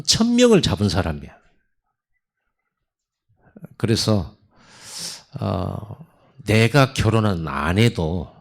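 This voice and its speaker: A man from Korea, a pastor, preaching a sermon in a conversational storytelling way with sudden loud emphasis. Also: on the low side. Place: church sanctuary.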